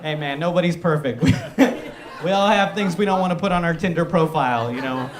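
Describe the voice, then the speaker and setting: A man's voice: a little high, a little fast, roomy sound, a crowd in the background. A man performing a stand-up comedy set, telling stories animatedly and acting out other people's voices. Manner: animated storytelling with acted-out voices. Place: comedy showcase room with live audience.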